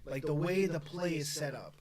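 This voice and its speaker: Animated young man hosting a sports chat. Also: fairly high pitch, over a noisy crowd. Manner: animated, quick back-and-forth with repeated restarts. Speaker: podcast host.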